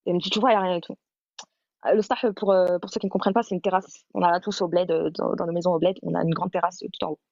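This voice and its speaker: A woman talks quickly and at a somewhat low pitch as she hosts a live stream and tells her own story. She rambles, backtracks and repeats her words as she goes. The sound is dry, dull and lo-fi. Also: fairly even intonation, creaky, dark tone, no echo.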